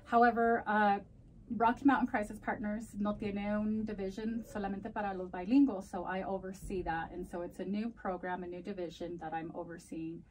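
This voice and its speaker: Here a woman speaks at a medium pitch, fairly even and a little fast, giving relaxed bilingual answers on a podcast. She's a community advocate from the United States, a native Spanish speaker who blends Spanish and English within sentences. The mic is distant and the recording rough, with slight hiss or hum.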